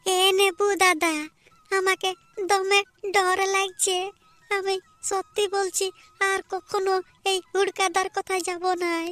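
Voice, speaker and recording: A performer doing a tiny naive cartoon village boy with a Purulia Bengali accent, whiny and pleading, very high squeaky voice, bright and tense, soft music running behind. he sounds like a timid kid who is always in trouble. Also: animated, brisk, exaggerated voice. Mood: scared pleading.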